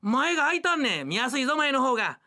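A blunt, boisterous middle-aged husband, put on by a woman telling rakugo, speaking broad Kansai dialect. His pitch swings widely as he blurts things out. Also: big pitch swings, full character voice. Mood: excited. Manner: blunt, boisterous, quick to shout. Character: bumbling loud middle-aged Osaka husband. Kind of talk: rakugo storytelling.

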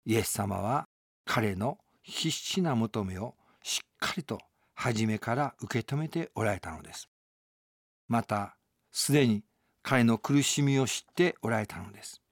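A man's voice: on the low side, lively intonation, unhurried, vocal fry, dry recording. A man, a pastor, delivering an earnest, emphatic radio sermon from a studio.

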